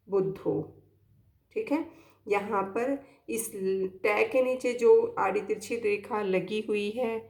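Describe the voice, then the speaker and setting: A woman's voice: mid-range voice, gravelly, darkish tone, reverberant. A woman teaching children a grammar lesson, who explains step by step and keeps asking questions to check that they follow. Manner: patient, checks understanding with repeated questions.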